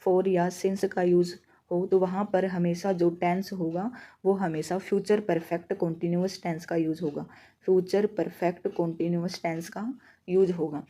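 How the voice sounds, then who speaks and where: A woman with a Haryanvi Hindi accent teaching an exam-prep grammar lesson. She explains each rule step by step, asks questions and answers them herself, and reads example sentences slowly. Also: fairly low pitch, flat delivery, dark tone.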